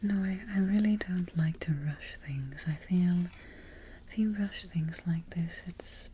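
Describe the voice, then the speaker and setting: A woman playing an imperious, fussy, vain evil queen in a darkly comic ASMR roleplay, with a soft, breathy near-whisper, close to the microphone and haughty in her phrasing. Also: fairly low pitch, slight background noise, natural voice. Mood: calm, menacing. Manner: deliberate, haughty, formal phrasing.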